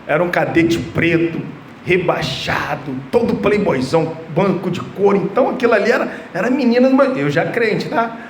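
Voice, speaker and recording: A man's voice: sits high, animated, moderate pace. A man preaching an expository sermon, emphatic and telling personal stories, often repeating himself. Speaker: pastor. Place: church hall. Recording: echoey church room, faint background noise.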